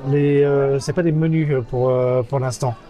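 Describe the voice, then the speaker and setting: A man's voice: mid-range voice, fairly even intonation, normal speed, warm tone, soft background music. A man hosting a casual vlog, reading a diner menu aloud with many hesitant fillers and teasing his companion. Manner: playful and affectionate with his companion. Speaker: vlog host. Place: American-style diner restaurant.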